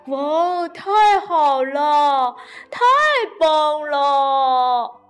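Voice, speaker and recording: A woman voicing a gullible young male frog in a children's storybook, with excited, squealing exclamations. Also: sits high, drawn-out words, soft background music, pitched above the performer's own voice. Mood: thrilled.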